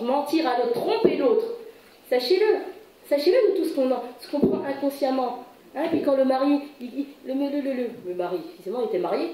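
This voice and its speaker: A woman psychologist giving a conference talk, animated and acting out little everyday scenes. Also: high-pitched, distant mic. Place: conference hall. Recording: roomy echo, voice heard from afar.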